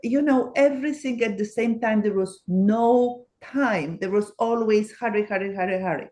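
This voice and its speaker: A guest researcher in her seventies speaks at a moderate pace in a warm, medium-pitched voice during a casual interview. She is earnest, uses non-native phrasing, and repeats words for emphasis.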